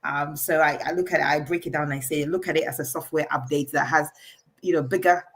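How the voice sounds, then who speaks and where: Low-voiced woman on a video call. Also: steady tone, slightly rough. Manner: halting, many fillers and restarts. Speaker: AI coach for entrepreneurs.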